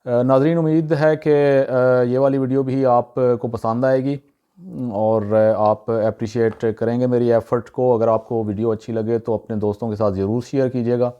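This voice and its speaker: A man teaches English pronunciation in a casual, unhurried way, repeating each word and pausing often on "uh." His mid-range voice sounds dark and relaxed. The recording is dull and muffled. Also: medium pitch, clear, resonant tone. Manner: explains word by word, repeats each pronunciation twice, frequent "uh" pauses. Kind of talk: casual spoken lesson to camera.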